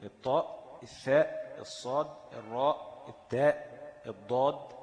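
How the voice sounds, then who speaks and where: Egyptian male teacher, mid pitch, rhetorical self-quizzing delivery, echoey room. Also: a little fast. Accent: Egyptian Arabic. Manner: asks questions and answers them himself, checks understanding often. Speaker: Quran recitation teacher. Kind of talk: explanatory lesson.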